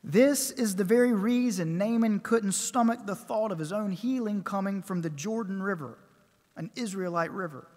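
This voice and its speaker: A man preaching a sermon at a pulpit microphone, measured and emphatic, building his points with repeated phrases. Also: high voice, darkish tone. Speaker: pastor. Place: church sanctuary. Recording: long church reverb.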